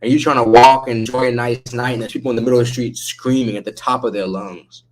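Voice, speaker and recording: A man's voice: mid-range voice, steady tone, quick pace. A man hosting a casual chat with a laid-back stoner drawl, using slang and swearing freely. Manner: slangy, profane. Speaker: livestream host chatting with viewers.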